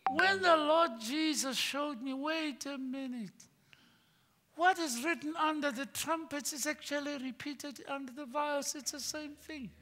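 An older man preaching from a pulpit in a church hall, his voice sitting unusually high and bright. He talks slowly and deliberately, breaking into loud emphatic bursts and then dropping to quiet asides, with a long reverb trailing behind every word. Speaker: pastor. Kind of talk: sermon.

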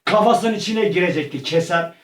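A man with a high voice narrates a made-up scene play by play, saying each phrase again and again and breaking into frantic shouts. He sits well back from the mic, and the room around him rings. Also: fairly quick. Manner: repeats phrases over and over, frantic when shouting. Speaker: storyteller playing out a scene. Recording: echoey room, voice far from mic.

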